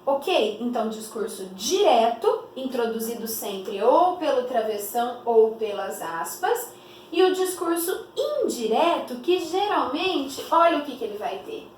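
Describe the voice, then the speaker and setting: A woman with a high voice gives a grammar lesson, pausing often to quiz her students with questions. She draws out the example phrases slowly so they sink in. The recording is roomy and echoey, with her voice a bit distant from the mic and faint background hiss. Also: big pitch swings. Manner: didactic, stretches example phrases slowly, many rhetorical questions. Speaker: teacher. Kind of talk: explanatory classroom lesson.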